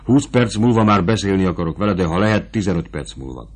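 A man's voice: low-pitched, animated. A man reading the part of a passionate, anxious young prince in an audiobook, in an earnest, pleading manner.

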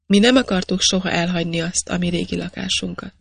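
Eager young miner done by the audiobook narrator; earnest and insistent, gravelly, dry close mic. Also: medium pitch, level tone, a bit bright, no echo. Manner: pressing, earnest questioning.

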